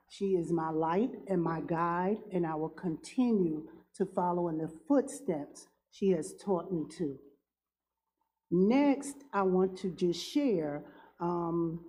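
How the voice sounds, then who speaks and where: Woman with a cold, slow, halting, many fillers, mellow lowish voice, council closing remarks. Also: poor audio. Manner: halting, many ums, earnest. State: has a cold, cough drop in mouth. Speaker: town councilwoman.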